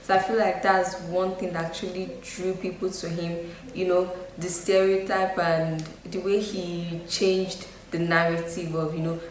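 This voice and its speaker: A young woman giving her opinions in a casual vlog, talking loosely with lots of fillers. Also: fairly low pitch. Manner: chatty, frequent "you know" and "um" fillers. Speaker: YouTube vlogger. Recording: echoey room with faint noise.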